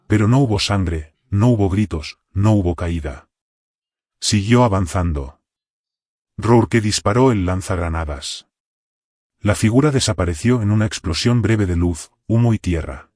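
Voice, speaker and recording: A man with a low voice tells a military horror story in the first person. His scripted delivery keeps a tense, controlled edge. The recording is close and dry. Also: a little mellow, no room sound. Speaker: narrator.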